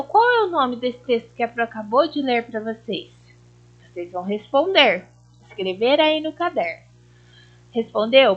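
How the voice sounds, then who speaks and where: A Brazilian woman teaching young children a remote lesson, explaining slowly and patiently with lots of tag questions. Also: high-pitched. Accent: Brazilian Portuguese. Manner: slow, patient, sing-song explaining with frequent tag questions. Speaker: primary school teacher. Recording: slightly dull lo-fi audio.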